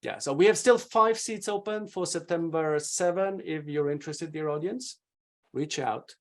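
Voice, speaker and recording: A man speaking as a video presentation coach, answering interview questions in an energetic, emphatic way with shifting loudness. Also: on the high side, moderate pace.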